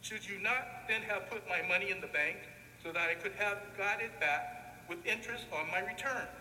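Guy reading the gospel at mass, high sharp voice, big cathedral echo, solemn and measured. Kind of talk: solemn liturgical scripture reading. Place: large reverberant church. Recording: echoey church, long reverb, background noise.

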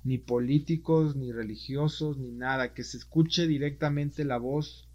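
Speaking at a slightly slow pace, this male podcast host keeps his medium-pitched voice steady. He interviews his guest with friendly, conversational questions before closing on a warm note. Dull, lo-fi recording.

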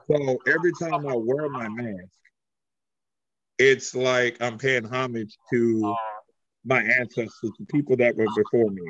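Slow, halting masked wrestler, man. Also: mid-range voice, fairly bright tone, dry recording, muffled recording. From Greece. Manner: halting, searching for words. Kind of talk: interview answers.

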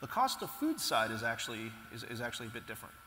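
A man being interviewed as a company founder, telling stories in an animated, casual way with frequent restarts. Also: medium pitch, quick pace, a little hiss or hum. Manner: animated storytelling, frequent restarts and "you know". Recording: echoey hall with long reverb.

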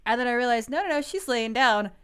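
A woman's voice: fairly high pitch, lively intonation, quick pace, fairly bright tone, clean tone. A woman in her thirties co-hosting a podcast, chatting casually with lots of "like," restarts and giggles. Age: 30s. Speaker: podcast co-host. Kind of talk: casual chat.

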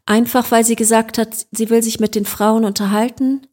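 Thoughtful and groping for words, a German woman musician talks about her craft as an interview guest. She speaks at a moderate pace in a higher-leaning, slightly mellow voice with little pitch movement. Fillers and restarts come up often.

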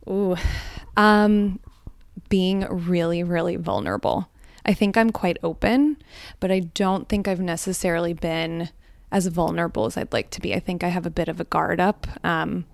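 A woman on the hot seat at a live event, telling personal stories in a candid, reflective way with frequent soft ums. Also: lowish voice, fairly even intonation, normal speed, gravelly, no room sound, clean studio sound. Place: live event before a small audience.

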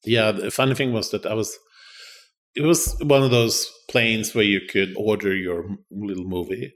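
A chatty man with a lowish voice tells travel stories at a normal speed, chatting casually. He's an animated storyteller who acts out the voices whenever he quotes someone.

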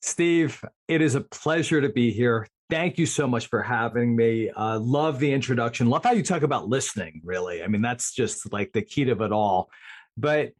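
A man's voice: medium pitch, moderate pace. A man chatting casually as a guest coach in a podcast interview.

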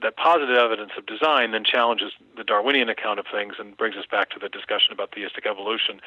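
A man speaking as an interview guest, in a measured, professorial storytelling manner. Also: on the low side, no echo, muffled recording. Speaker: guest author. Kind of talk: interview conversation.

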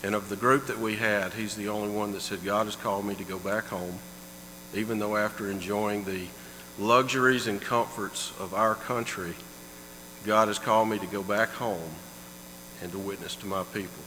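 A man's voice: fairly low pitch, fairly even intonation, normal speed. A middle-aged man giving a heartfelt storytelling introduction of a guest in church. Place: church sanctuary. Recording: long hall reverb, faint mains hum.

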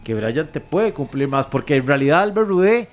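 A man's voice: fairly high pitch, very animated, normal speed. A man on a sports panel, correcting the others with specific details. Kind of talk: heated sports debate.

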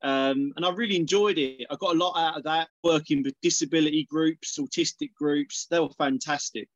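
Casting: middle-aged Essex male, lightish pitch, hesitant conversational guest, slightly dull audio. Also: a little fast, no echo. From Essex, England. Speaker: podcast guest, organic dairy farmer. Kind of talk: casual conversational interview.

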